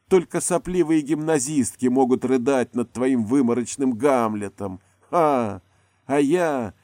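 A man's voice: medium pitch, darkish tone, no room sound, studio quality, pitched above the performer's own voice, heavily acted. A man voicing a grand, furious middle-aged actress who declaims like she is on stage.

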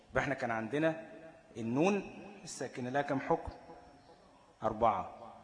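Egyptian male teacher, mid pitch, rhetorical self-quizzing delivery, echoey room. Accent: Egyptian Arabic. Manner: asks questions and answers them himself, checks understanding often. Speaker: Quran recitation teacher. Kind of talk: explanatory lesson.

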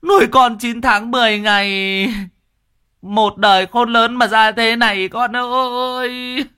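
Dude putting on a wailing mom voice, way up high, keening. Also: male voice, steady tone, takes it slowly, sharp tone, smooth, no echo, studio quality, heavily acted. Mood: wailing grief. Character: wailing grieving village mother.

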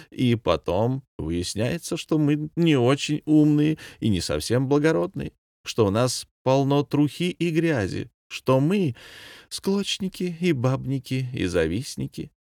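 A man's voice: mid-range voice, very animated, measured pace, creaky, darkish tone, no echo, studio quality, pitched above the performer's own voice. A man voicing a boastful, pompous middle-aged male former theatre director who talks in grand, theatrical phrases, as a commandant in an audiobook. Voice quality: grandiloquent, theatrical, rhyming speech.

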